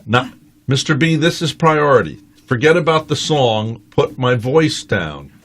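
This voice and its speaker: A man hosting a radio talk show, teasing his guest and preaching in a lively, casual way. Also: mid-range voice, unhurried, a little hiss or hum.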